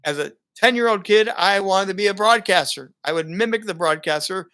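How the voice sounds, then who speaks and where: A middle-aged broadcaster and keynote speaker is a guest in a casual interview, telling animated stories and laughing often. His voice sits high, brisk and clean.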